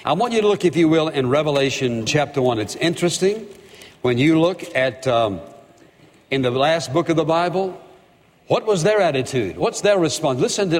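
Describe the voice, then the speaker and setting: Preaching man, echoing hall. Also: on the high side. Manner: emphatic, repetitive preaching cadence with rhetorical questions. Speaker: pastor. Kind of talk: sermon.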